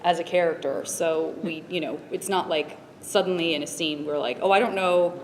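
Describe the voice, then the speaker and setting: Woman cast member, lively and animated, lowish voice, long hall reverb behind her. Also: moderate pace, slight background noise. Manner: animated, jumps up in pitch when excited. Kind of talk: casual interview chat.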